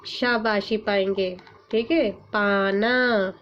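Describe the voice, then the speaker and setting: Slow, patient woman teaching small children. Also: on the high side. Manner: slow, drawn-out sounding of letters and words; patient, coaxing questions to children. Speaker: Urdu teacher. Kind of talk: online class for young pupils. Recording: muffled lo-fi sound, faint hum.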